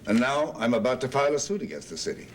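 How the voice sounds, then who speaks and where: A man's voice: medium pitch, big pitch swings, a little hiss or hum, close to an everyday voice. A man playing a client who lost his family land, answering questions in short, solemn statements. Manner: terse, solemn, measured answers. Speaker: client whose family land was taken.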